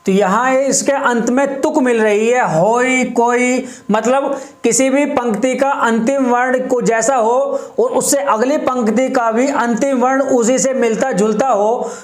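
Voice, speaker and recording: Male grammar teacher, very high voice, slow deliberate explaining, echoey room. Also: steady tone. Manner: repeats terms and examples slowly, checks in with "ठीक है". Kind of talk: explanatory classroom lesson.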